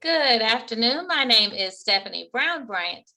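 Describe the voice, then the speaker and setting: A woman school principal gives an earnest webinar presentation, speaking proudly about her school's work over remote webinar audio. Her voice is fairly high, animated and sharp, at a measured pace.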